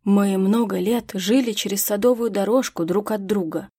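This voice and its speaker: A woman's voice: mid-range voice, moderate pace, mellow, husky, no echo, clean studio sound, lightly acted. A woman voicing a male museum owner speaking with emphatic reproach in an audiobook. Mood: sad. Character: older male museum owner, sad then indignant.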